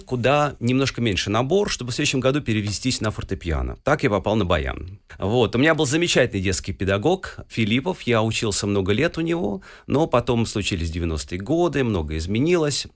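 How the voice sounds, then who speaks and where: A man's voice: medium pitch, sing-song, quick pace. A man in his forties from Russia, a guest musician telling his story at length in an interview, with frequent hesitations.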